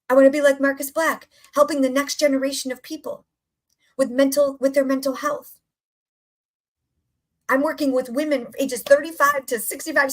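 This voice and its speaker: An upbeat woman coach speaking in a slightly higher voice, giving a motivational live talk. She talks emphatically and repeats key phrases to drive them home. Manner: enthusiastic, upbeat. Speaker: health and mindset coach.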